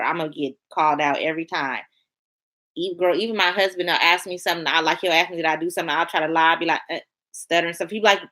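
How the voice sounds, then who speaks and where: Woman streamer, relaxed and colloquial, reads chat aloud, bright tone. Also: fairly low pitch. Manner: chatty, colloquial, talks to viewers by name. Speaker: livestream host reading chat. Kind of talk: casual live-stream chat.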